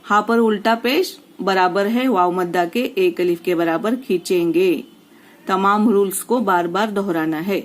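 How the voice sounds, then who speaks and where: Slow, patient woman teaching Quran reading. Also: medium pitch, low-quality recording. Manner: patient, repeats rules and drills syllables slowly. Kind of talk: slow spoken lesson with drawn-out recitation.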